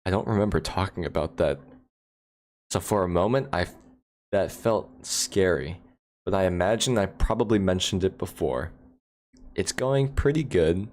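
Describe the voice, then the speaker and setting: Casting: low-voiced American man, loose livestream chatter, laughs a lot, phone mic at home. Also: moderate pace, long pauses, a little mellow. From United States. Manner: rambling, laughs often, answers chat questions. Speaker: livestream host. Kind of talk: casual livestream chat.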